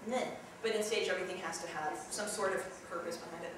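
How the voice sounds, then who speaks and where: A young woman runs an acting workshop, chatting through tips and jumping into demonstrations. She is picked up from across a big room, so her voice rings with heavy echo. A steady hiss of noise sits under the whole recording. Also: lowish voice, fast. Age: young adult. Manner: chatty, demonstrative, jumps into loud yelled examples. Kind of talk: teaching a theatre workshop. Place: large echoey room. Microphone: distant camera mic. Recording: echoey room from far off, noisy.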